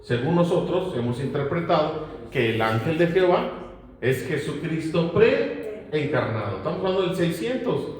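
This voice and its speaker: A man's voice: on the high side, sing-song, normal speed. A man with a Mexican Spanish accent leading a Bible study, asking the group questions and answering them himself. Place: church hall. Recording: echoey hall with long reverb.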